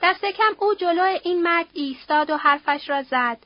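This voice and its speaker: A woman's voice: very high voice, no echo, dull audio. A woman voicing a young man, a grieving son who talks in an earnest, defiant way.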